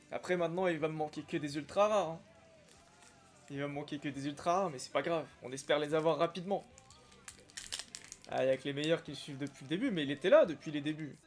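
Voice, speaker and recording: A young man chatting casually on a live stream while opening trading card packs, reacting with excitement and greeting viewers by name. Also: on the high side. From Algeria. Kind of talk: casual live-stream chat reading comments.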